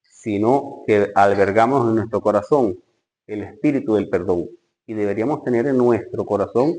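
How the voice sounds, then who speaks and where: A man's voice: on the low side, normal speed, dark tone. A man preaching a Bible study sermon, emphatic, asking rhetorical questions and rising sharply when he reads scripture. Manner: addresses listeners directly, rhetorical questions.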